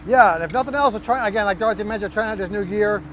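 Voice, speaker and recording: This co-host of a fishing vlog talks casually through rigging his gear aboard a boat, one step at a time. He speaks quickly in a high, somewhat bright voice, and there's slight background noise.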